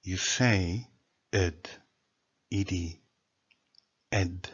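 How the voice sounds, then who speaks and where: A man delivers a solo lecture in a low, slightly husky voice. He speaks very slowly and deliberately, setting out word after word. The recording sounds dull and lo-fi. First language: Turkish. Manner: slow, deliberate, lists words one by one. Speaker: presenter of a language theory.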